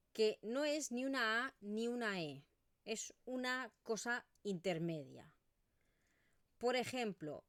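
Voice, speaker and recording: A woman's voice: mid-range voice, fairly bright tone, dry recording, clean studio sound. A woman with an Eastern Catalan accent teaching pronunciation in an online video lesson, modelling vowel sounds as she explains.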